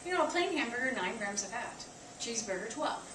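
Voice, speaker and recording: A woman dietitian giving a lively nutrition talk to staff, counting aloud and quizzing her listeners. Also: a little high, a little fast. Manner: chatty, counts aloud and asks the audience questions. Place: staff meeting room. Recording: echoey room, from far off, noisy.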